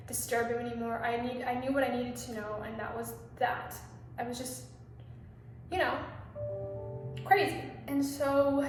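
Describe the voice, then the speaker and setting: A young woman telling a candid, rambling personal story to camera, swearing often and filling her talk with fillers. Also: high-pitched. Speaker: vlogger. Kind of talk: confessional storytime monologue. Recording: echoey room, mic set far off, faint noise.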